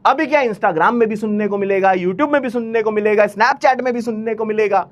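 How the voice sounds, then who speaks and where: A male maths teacher with a high-sitting voice and moderate pace gives an online lecture that doubles as a motivational pep talk. He's chatty and teasing, pushing his students with blunt encouragement.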